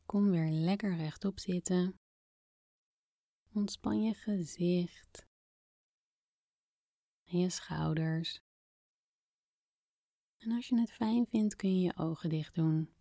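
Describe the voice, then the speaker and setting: A woman speaking softly and gently as a podcast host guiding a calming breathing exercise, with phrase endings that fade toward a whisper. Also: lowish voice, slow, gravelly, pauses often, no echo, clean studio sound. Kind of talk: soft, soothing guided relaxation narration.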